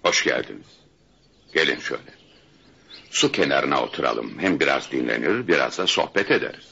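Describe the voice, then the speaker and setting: A wise elderly sage with an extremely deep, gravelly voice that carries a sharp, bright edge. He speaks slowly and soothingly, with unhurried authority. The sound is muffled, like an old archival radio play. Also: animated, full character voice. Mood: calm probing. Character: wise elderly male spiritual guide, calm and commanding. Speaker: radio drama actor. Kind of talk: 1970s-style Turkish radio theatre acting.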